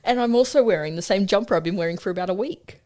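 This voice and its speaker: A young adult host, chatting casually on a podcast, joking and swearing freely. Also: male voice, high voice, fast talker, darkish tone. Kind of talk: casual chat.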